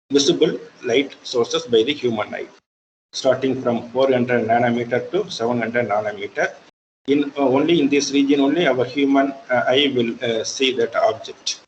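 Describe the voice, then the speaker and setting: A man with an Indian English accent giving an online technical lecture, pausing often with fillers. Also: mid-range voice, dull audio, a little hiss or hum. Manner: hesitant, many fillers.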